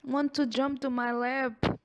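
The recording is muffled and very noisy, carrying a high-pitched, level-toned female voice. A woman whose first language isn't English addresses the listener directly in a fond ASMR girlfriend roleplay, unhurried and affectionate, with many sighs and giggles.

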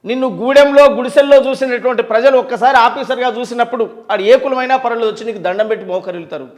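As a guest in an interview, a man with a Telangana Telugu accent talks with passion and emphasis, firing off rhetorical questions and long lists. He speaks fast at an extremely high pitch.

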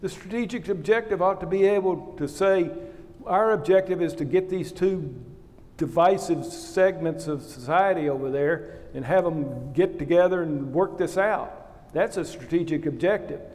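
A retired naval officer sitting on a panel answers candidly from an auditorium stage, plain-spoken, blunt and full of opinions, like a seasoned officer who speaks his mind. This older man's voice is somewhat high for a man, a little mellow and moderately paced, and the long reverb of the hall trails around what he says.

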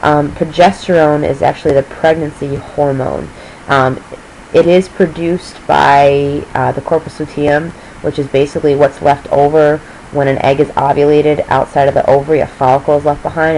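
A woman teaching a recorded review lesson, her voice sitting low. She is losing her voice as she explains step by step, checking in with a quick "okay?". Faint noise hums under the recording. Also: a little mellow, rough recording.

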